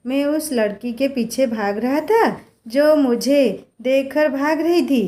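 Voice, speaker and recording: A curious, stubborn little village boy, as a woman storyteller puts him on. His voice sits high, and he protests with insistent urgency. A storybook character voice. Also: slow pace, mellow. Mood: eager.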